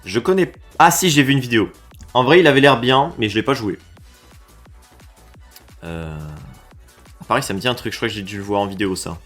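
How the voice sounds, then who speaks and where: Lively French gamer muttering his reactions. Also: a little fast, pauses often, soft background music. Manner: animated, swears and shifts from low mutters to excited outbursts. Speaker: reaction streamer. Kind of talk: casual reaction commentary.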